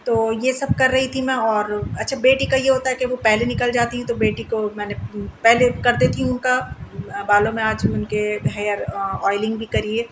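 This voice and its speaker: A woman's voice: a little high, little pitch movement, moderate pace, background noise. A woman in her thirties, a mother narrating a home vlog voice-over in a chatty way and often laughing at her own slips. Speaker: vlogger, mother. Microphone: voice-over mic.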